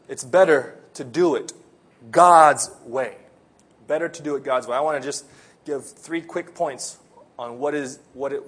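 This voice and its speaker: Speaking as a pastor, a man from the Philippines who grew up in America preaches with sincerity and an American accent, drawing out key phrases for emphasis. He has a medium pitch and a breathy edge to his voice.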